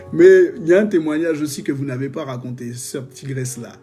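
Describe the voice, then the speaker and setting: A man preaches on a live stream in a fairly high voice, with soft music playing behind him. He reads out testimonies and breaks into exclamations and jokes with his viewers. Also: fairly quick.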